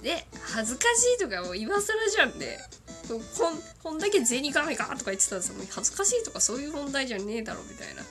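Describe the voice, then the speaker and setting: A woman's voice: high voice, very animated, fast talker, sharp tone, soft background music. A woman in her thirties hosting a casual solo radio chat, giggly and chatty, sniffling with a cold. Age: 30s. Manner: giggly, chatty, doing cartoon character impressions. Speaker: radio show host.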